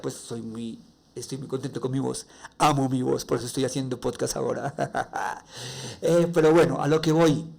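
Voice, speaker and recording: A raspy, nasal man speaking with a Colombian accent, his voice sitting a bit high. He hosts a faith-based podcast and tells personal stories in an earnest, heartfelt monologue. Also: warm tone. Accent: Colombian Spanish. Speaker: podcast host.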